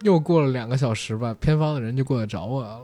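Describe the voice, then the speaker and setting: Male, mid-pitched, very quick casual talker, blunt and colloquial storyteller. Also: warm tone. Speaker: film industry commentator. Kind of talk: casual chat, animated anecdotes.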